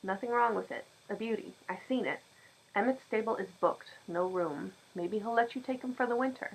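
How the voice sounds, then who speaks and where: Brief: woman doing loud, drawling old farm handyman, teasing, storybook reading. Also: medium pitch, moderate pace, vocal fry, husky, rough recording. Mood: eager. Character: folksy older male farm handyman, teasing.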